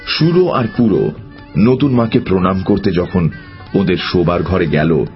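A man narrating a story with an expressive, varied delivery. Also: low voice, measured pace. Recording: dull lo-fi audio with music.

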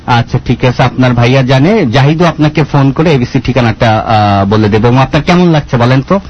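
A man hosting a radio prank call, giving instructions in a calm, measured way with small hesitations. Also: medium pitch, husky. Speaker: radio prank show host. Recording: dull lo-fi radio phone recording.

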